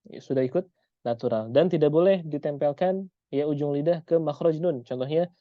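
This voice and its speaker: A man teaching Quran recitation in an online lesson, patiently repeating example sounds slowly. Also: fairly high pitch, dry recording, phone-quality sound.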